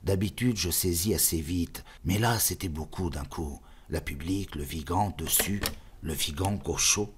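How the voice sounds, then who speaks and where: A man giving an expressive, dramatic audiobook reading of a novel. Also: low voice, background noise. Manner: expressive, spoken cadence. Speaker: audiobook reader.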